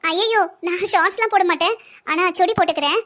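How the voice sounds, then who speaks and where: A woman voicing a polite, soft-spoken young newlywed bride in a cartoon family story. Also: very high-pitched, fast talker. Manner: polite, respectful.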